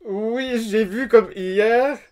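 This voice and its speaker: Young Moroccan-accented man, high voice. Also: very slow, a little mellow, clean tone. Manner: laughs often, mixes in English words. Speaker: guest. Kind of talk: casual chat.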